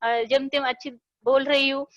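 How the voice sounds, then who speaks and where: Woman with a Marathi accent, high voice, dry close sound, hesitant with fillers, motivational talk over a video call. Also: little pitch movement, unhurried, dry recording, dull audio. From Maharashtra, India. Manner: hesitant, many fillers and restarts. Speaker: speaker at a business meeting.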